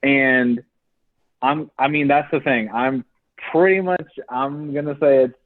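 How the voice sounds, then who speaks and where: A man's voice: mid-range voice, unhurried, no room sound. A young man telling a work story on a casual podcast, acting out what people said. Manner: animated storyteller, acts out quotes. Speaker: podcast co-host. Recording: tinny phone-like dry sound.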